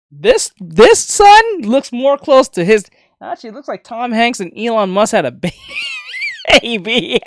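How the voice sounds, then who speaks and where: A man reacts live on stream, his pitch bouncing all over as he laughs and swears at what he watches. His voice is close and dry, with no room sound. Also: no room sound. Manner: laughs a lot, swears, talks over the video.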